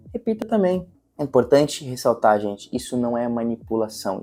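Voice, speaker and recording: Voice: mid-range voice, dark tone. A sales trainer giving an instructional video talk, explaining techniques step by step and restating points.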